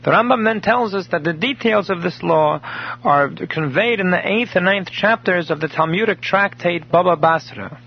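A man teaching a recorded daily Torah class, telling a story in a measured way and explaining Hebrew terms in English. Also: sits high, breathy edge. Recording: dull lo-fi recording.

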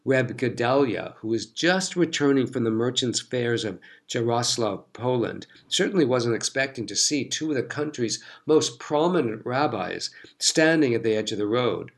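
A man narrates a story in a measured, scripted way. His voice sits at a middle pitch. The delivery stays steady. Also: gravelly.

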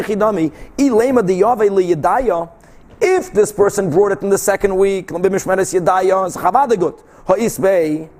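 A man teaching Talmud works through a religious text, reading it aloud and explaining along the way. His voice is high with a darkish tone, and he raises questions only to answer them himself, echoing important phrases to drive them home.

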